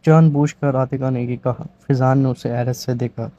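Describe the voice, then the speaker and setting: A man narrates a romance novel in a steady storytelling manner. His voice sits at a middling pitch. The recording sounds a little dull and lo-fi. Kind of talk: reading a romance novel aloud.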